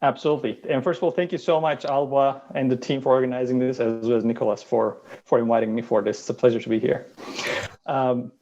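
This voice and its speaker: A man from Turkey, a guest on an online interview, answering briskly with frequent restarts and fillers. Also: mid-range voice, steady tone, dark tone, lo-fi sound. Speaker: guest, venture capital partner.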